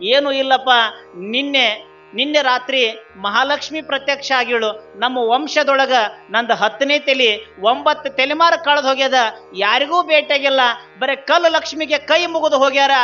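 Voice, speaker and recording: A man's voice: extremely high pitch, bright, forceful tone. A man doing a pleading old landlord. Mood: troubled. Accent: North Karnataka. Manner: pleading, repetitive. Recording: slightly dull, faint Carnatic music.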